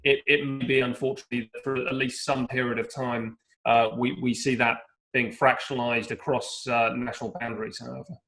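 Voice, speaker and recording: A man from London speaking on a panel discussion over a video call, measured, with frequent restarts and hedges. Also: medium pitch, level tone, fairly bright tone, poor audio. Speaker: panelist, startup founder.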